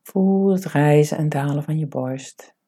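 Low, dark, breathy woman guiding meditation. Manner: calm, soothing, unhurried instructions with pauses. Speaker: meditation guide. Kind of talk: guided meditation, breathing and body scan.

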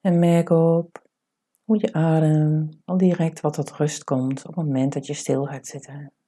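A woman leading a guided meditation in a soft, breathy voice, giving calm, soothing instructions with unhurried pauses. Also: low voice.

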